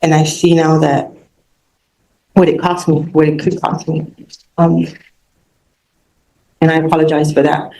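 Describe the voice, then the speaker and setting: A woman defendant speaking haltingly and apologetically in court, with many pauses and fillers. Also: sits low, level tone, creaky, dark tone, a little hiss or hum. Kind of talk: courtroom statement. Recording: distant echoey courtroom mic.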